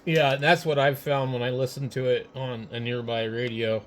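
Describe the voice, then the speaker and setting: At a moderate pace and medium pitch, the man talks loosely and a bit haltingly on the amateur radio. He uses several handheld radio microphones in turn, and the noisy setup produces a steady hiss behind him.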